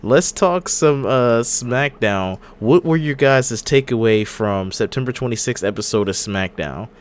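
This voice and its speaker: A man hosting a wrestling podcast, recapping matches in a relaxed, laid-back way and laughing easily. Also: mid-range voice, unhurried, clear, resonant tone. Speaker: podcast host. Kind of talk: casual wrestling podcast chat.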